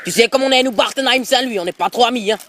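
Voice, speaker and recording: Pushy and rambling, a prank caller voices a bigoted, brash middle-aged football coach from Alsace, tagging filler bits onto every sentence. His rather high voice moves fast with a fairly bright tone, as though a phone is held right by his mouth.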